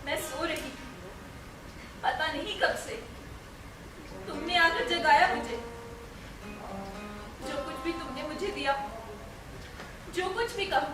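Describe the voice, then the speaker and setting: A young woman playing a defiant daughter who refuses an arranged marriage, projecting emphatically from a stage. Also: very high voice. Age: young adult. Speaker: student stage actor. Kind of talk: stage play acting. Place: large hall stage. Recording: echoey hall from far off, music.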